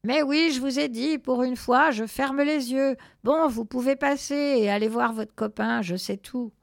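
A woman voicing a grumpy, bossy male chimpanzee guarding a door in a storybook, speaking loudly. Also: high voice, measured pace, gravelly, no echo, clean studio sound, voice pushed up.

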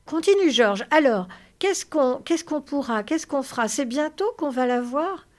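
A woman's voice: mid-range voice, a little slow, close to an everyday voice. A woman reading aloud and voicing a big, simple-minded, childlike man who talks in an eager, pleading way.

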